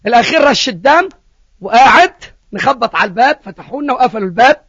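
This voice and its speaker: High-voiced, fast Egyptian preacher. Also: male voice, gravelly, husky, no room sound, highs cut off. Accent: Egyptian Arabic. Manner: animated storytelling, questions to the congregation. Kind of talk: sermon.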